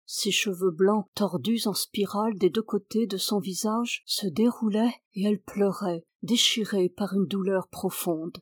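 A woman reading a classic story aloud in measured, even audiobook narration. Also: mid-range voice, husky, no echo, studio quality. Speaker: reader.

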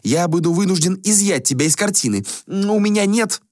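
A vain, flippant young prince, as a man puts him on in a storybook reading, drawling his scorn in a high, lilting voice. He sounds affected and mocking, swooping up and down. Dry, close sound. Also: expressive, moderate pace, a little mellow, no echo.

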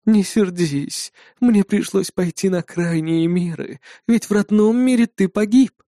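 A man voicing a commanding, mocking female demoness in an audiobook, drawling slowly and imperiously. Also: high-pitched, dark tone, no room sound, studio quality, voice pushed up. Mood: teasing. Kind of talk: audiobook narration.

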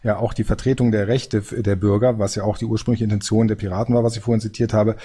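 Dark husky-voiced man debating. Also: fairly low pitch, little pitch movement, quick pace. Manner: earnest, lecturing, many restarts. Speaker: audience member in a panel discussion. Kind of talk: spontaneous debate statement.

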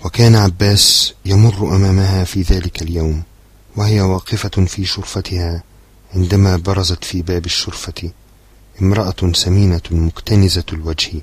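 Brief: low, husky-voiced male narrator for a literary audiobook, measured and steady. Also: dry recording.

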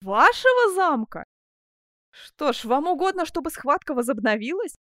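A woman voicing a passionate middle-aged master sculptor, exclaiming loudly in an audiobook reading. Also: mid-range voice, expressive, normal speed, no room sound, clean studio sound, lightly acted. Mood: mocking. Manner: impassioned, exclaiming.

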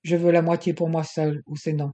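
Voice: medium pitch, flat delivery, fairly quick, warm tone, natural voice. An audiobook reader voicing a suspicious, greedy young male prisoner who answers curtly and bluntly. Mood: bitter. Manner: curt, blunt replies. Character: furious captive young man, suspicious and greedy. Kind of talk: audiobook reading.

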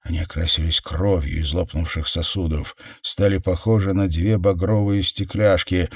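A man narrating a horror audiobook in a measured, intense way, slowing down on key words. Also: sits low, fairly even intonation, husky, dry recording. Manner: measured, intense, with slowed stresses. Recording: dry close studio sound.

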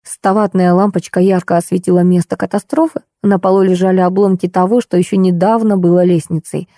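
A woman reading a novel aloud in a lively, ironic storytelling manner. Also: on the low side, a little fast, no echo, studio quality. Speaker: audiobook reader. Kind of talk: scripted narration.

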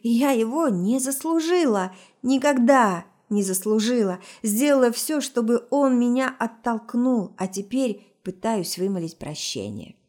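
Woman narrating a story, rather high voice. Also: lively intonation, unhurried, hardly any pauses, darkish tone. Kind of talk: audiobook reading of a story.

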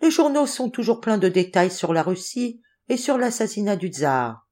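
A woman's voice: mid-range voice, very animated, moderate pace, darkish tone, voice pushed up. A woman doing a pompous office deputy chief. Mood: matter-of-fact. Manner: indignant, lecturing.

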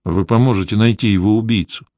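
A man reading an audiobook, voicing a persistent male private detective who questions calmly and insistently. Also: on the low side, quick pace, no room sound, lightly acted.

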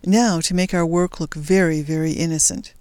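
A reader voicing a young male Belgian resistance fighter, brisk and determined, in an audiobook story. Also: mid-range voice, steady tone, a little mellow, no room sound, close to an everyday voice. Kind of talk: audiobook character voice.

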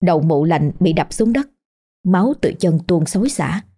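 A woman narrating a horror story in a slow, hushed, ominous manner. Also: on the low side, animated, slightly rough. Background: faint music.

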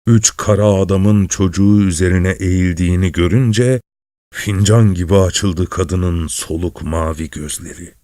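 A man reads a story aloud slowly in a low, mellow voice. His delivery stays calm and measured throughout. The recording is close and dry. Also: no echo. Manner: calm, measured, soft-spoken. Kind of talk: slow literary story reading.

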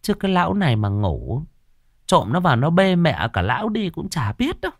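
A man doing a grumbling old country wife who mutters scornful asides in a raised, lively voice. It is close and dry, as in a spoken storybook. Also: on the high side, moderate pace, no echo, pitched above the performer's own voice, full character voice. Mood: scornful muttering.

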